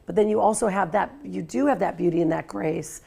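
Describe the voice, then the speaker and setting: A woman's voice: lowish voice, brisk, creaky, warm tone, slightly rough. A middle-aged woman hosting an interview, asking questions in an enthusiastic, affirming way. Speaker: host. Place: studio set with armchair.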